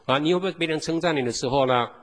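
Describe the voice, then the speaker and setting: A pastor delivers a sermon in a fast, rapid-fire voice that sits on the high side and sounds fairly bright, firing rhetorical questions at the congregation. The recording carries a long hall reverb.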